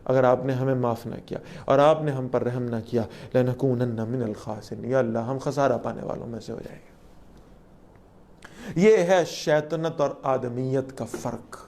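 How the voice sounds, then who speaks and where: A woman's voice: very deep voice, few pauses, a little hiss or hum. A woman giving a Quran lesson, reciting Arabic verses and explaining each one with questions to her listeners. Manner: lively, asks the listeners questions. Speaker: Quran teacher.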